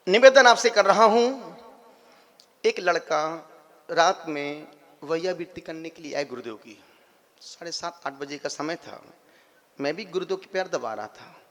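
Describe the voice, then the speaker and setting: A man, a monk, gives a lively sermon, repeating phrases, swinging between loud and soft, and acting out everyday scenes for humour. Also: fairly high pitch, measured pace. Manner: humorous, acts out everyday scenes. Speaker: Jain monk giving a discourse.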